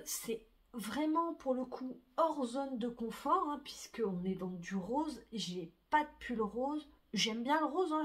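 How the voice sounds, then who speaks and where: A middle-aged woman, chatting casually about her sewing and knitting projects, full of fillers and restarts. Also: fairly high pitch. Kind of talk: casual chat to camera.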